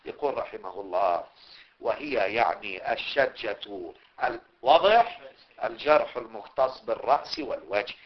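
A man's voice: medium pitch, lively intonation, normal speed. A man teaching a class on a religious legal text, constantly quizzing his students with fill-in questions and repeating key words. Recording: muffled lo-fi recording.

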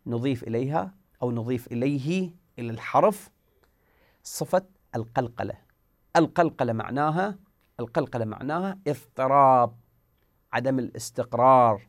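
A man's voice: medium pitch, expressive, moderate pace, pauses often, no room sound, clean studio sound. A man teaching a Quran recitation lesson. He asks questions and answers them himself, and sounds out letters to demonstrate.

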